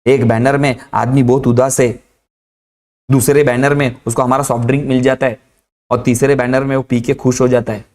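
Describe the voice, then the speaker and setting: A man doing a young male friend, dropped low in pitch, pleading and almost crying. The voice is deeper and heavier than the teacher's own, with a breaking quality. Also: level tone, normal speed, a little mellow, natural voice. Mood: boastful. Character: young man, a friend, tearful then boastful.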